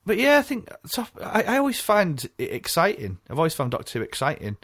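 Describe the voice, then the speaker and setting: A man's voice: on the high side, huge pitch swings, brisk, fairly bright tone, breathy edge, dry recording. Man, dry close sound, chatty podcast co-host, laughs often. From North East England. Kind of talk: casual podcast chat.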